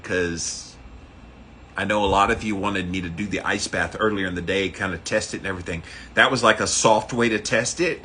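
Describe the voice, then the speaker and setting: Bright-voiced man in casual livestream chat. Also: fairly low pitch. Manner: informal, explanatory. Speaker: livestream host doing a daily ice bath challenge. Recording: faint background noise.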